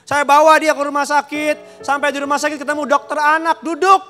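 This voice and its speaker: A man's voice: extremely high pitch, level tone, a little fast, pushed and bright. A male pastor preaching fervently, calling for amens and mixing in casual stories. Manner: fervent, calls the congregation to answer amen; mixes preaching with casual storytelling. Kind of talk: sermon. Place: church hall during a service. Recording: echoing church hall with music behind.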